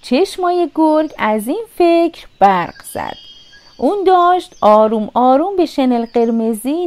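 A woman reads a children's fairy tale aloud in a lively, sing-song way. Her voice sits a bit higher and swoops expressively as she tells it. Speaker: storyteller. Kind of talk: storybook narration.

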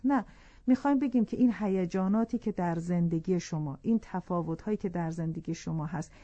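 A woman's voice: medium pitch, mellow, dry recording, highs cut off. A woman explaining the psychology of couples on a talk show in an earnest, lecturing way, restating her points for emphasis. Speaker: family psychology expert.

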